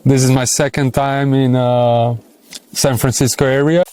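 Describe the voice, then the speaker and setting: A man's voice: mid-range voice, little pitch movement, a little slow, darkish tone, clear, resonant tone. A man in his thirties from Serbia, speaking English with a Serbian accent, answering interview questions casually and hesitantly with many fillers.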